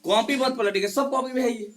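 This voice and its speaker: A male chemistry teacher in a live class, quizzing students one by one and hushing the noisy ones. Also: extremely high pitch, steady tone, brisk. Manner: quizzes students one by one, scolds and hushes them. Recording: echoey classroom.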